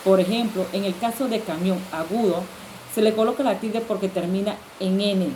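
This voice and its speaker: A woman student reading a class presentation aloud at a steady pace. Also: mid-range voice, moderate pace. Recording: hissy recording.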